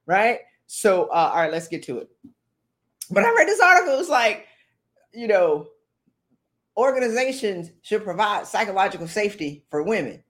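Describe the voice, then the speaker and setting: A woman's voice: medium pitch, big pitch swings, moderate pace, long pauses, fairly bright tone. A middle-aged woman giving an informal, direct motivational talk in a blunt, emphatic way, repeating phrases to drive them home. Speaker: motivational speaker and podcaster.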